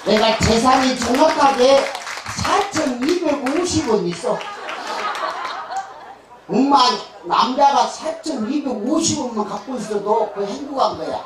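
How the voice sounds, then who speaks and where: A man with a Jeolla accent working as a pumba street performer and emcee, trading crude, teasing banter with the crowd on an outdoor festival stage, laughing through his lines and breaking into shouts. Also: very high-pitched, expressive, measured pace. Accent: Jeolla Korean. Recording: echoey loudspeaker sound, filmed from far off, crowd noise.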